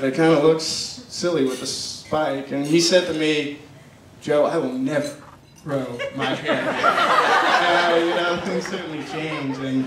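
A young adult man with a slightly high voice gives an informal, joking best man's toast, halting, affectionate and teasing. He uses a handheld PA mic in a large wedding reception tent at night, picked up by a distant camera. The sound is distant and echoey, with noisy guests filling the tent.

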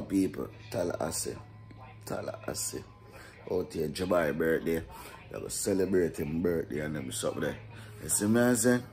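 Holding his phone at arm's length, a young Caribbean-accented vlogger chats in slang and keeps repeating his catchphrases. His voice sits low with a darkish tone, and the handheld recording in a hotel room and on an outdoor walkway picks up faint background noise.

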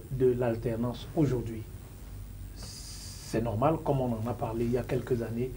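Dark-voiced man hosting an interview. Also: mid-range voice, a little hiss or hum, rough recording. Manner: prompting with short acknowledgements, hesitant. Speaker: host. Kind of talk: studio interview. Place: small studio set with sofas. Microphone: lapel.

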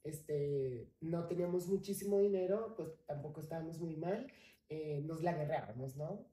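Woman, dark voice, roomy sound. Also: low voice, normal speed. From Colombia. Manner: expressive, playful storytelling. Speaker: podcast guest. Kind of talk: casual interview chat. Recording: roomy, slightly distant mic.

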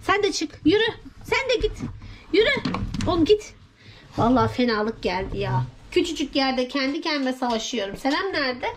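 High-pitched, animated young woman vlogging. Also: moderate pace, background noise. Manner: animated, squealing and scolding pets. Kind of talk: playful vlog chat. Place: inside a small wardrobe at home. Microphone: phone camera.

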